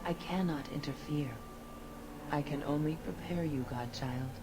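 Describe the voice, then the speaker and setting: Low, solemn ancient servant of gods. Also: female voice, background noise. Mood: solemn, foreboding. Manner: formal, measured, portentous. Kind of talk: fantasy video game dialogue.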